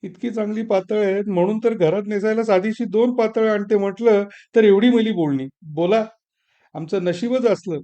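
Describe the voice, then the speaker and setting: A man voicing a fretful middle-aged wife who pleads and complains, quick to tears. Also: sits high, warm tone, voice pushed up, lightly acted. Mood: tearful complaint. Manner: pleading, complaining, sing-song.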